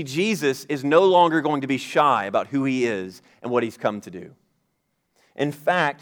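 A man, a pastor, preaching a sermon in a conversational style, rising emphatically at key points. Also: on the high side.

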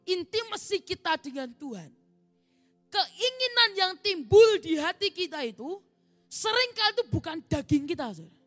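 A woman preacher delivering a sermon, telling stories and acting out the dialogue in them. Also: high voice. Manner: animated storytelling, acts out dialogue.

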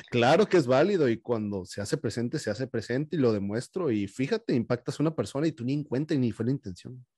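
A man's voice: medium pitch, brisk, husky. A man tells anecdotes from his recruiting job in loose, slangy conversation. His voice is close and dry, with no room echo. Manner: anecdotal, slangy, animated storytelling. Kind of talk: casual conversation.

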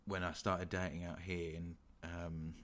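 A young man with a London accent talks in a deep, low register. He chats casually as a podcast co-host, thinking aloud and qualifying nearly every point with "sort of" and "you know". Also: flat delivery, a little slow, a bit bright. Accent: London English. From England. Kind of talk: casual chat.

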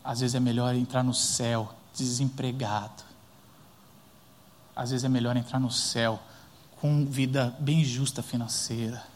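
A middle-aged Brazilian man preaching a sermon as pastor, animated and rhetorical, acting out quotes and family anecdotes. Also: medium pitch, unhurried, a little hiss or hum. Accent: Brazilian Portuguese.

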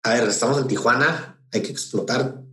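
A man's voice: mid-range voice, normal speed, bright, forceful tone. A man with a Mexican accent, an event promoter telling a story in a casual interview, rambling with many fillers and restarts. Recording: roomy echo.

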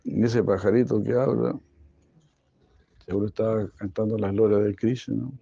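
A man's voice: lowish voice, steady tone, normal speed, vocal fry, mellow, slightly rough, no echo, muffled recording. A man retelling a devotional story in class, digressive and joking, often correcting himself.

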